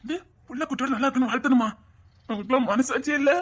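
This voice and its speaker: Brief: man playing a whiny, stubborn jilted young man, Tirunelveli Tamil accent, very high voice. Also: very fast, a bit bright. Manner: whiny, defensive. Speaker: comedy sketch actor. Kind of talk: comic sketch banter.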